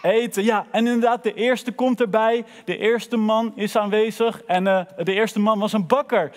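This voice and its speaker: A man's voice: high-pitched, normal speed, in a large hall. A man presenting in a children's church, telling a story and talking directly to the kids. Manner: lively, addresses the children directly.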